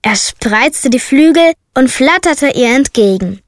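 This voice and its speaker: A woman narrating a children's storybook at an unhurried pace. Her voice sits somewhat high and is read with measured clarity. The recording is dry and close. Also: expressive, dry recording. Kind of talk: storybook reading aloud.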